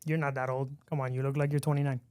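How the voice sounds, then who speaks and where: A man's voice: medium pitch, little pitch movement, rapid-fire, a little mellow, smooth, no echo, studio quality. A man hosting a podcast interview in casual chat, easygoing and chatty with frequent restarts and laughs. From lives in Miami. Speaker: podcast host.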